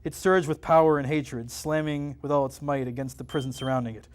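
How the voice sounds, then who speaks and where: In a comic and game shop, a novelist performs a live reading of his own book, narrating with lively theatrical flair. His pitch is medium and his pace fairly quick.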